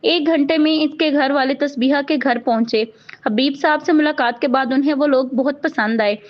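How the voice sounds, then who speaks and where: A woman narrating a romance novel in a steady, even storybook reading. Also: high-pitched, normal speed. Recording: dull lo-fi audio.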